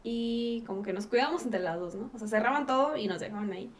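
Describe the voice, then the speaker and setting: A woman's voice: fairly high pitch, fast talker. A woman with a Mexican accent, a podcast guest telling a childhood ghost story in casual, slangy chat. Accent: Mexican Spanish. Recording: distant mic with faint ambient noise.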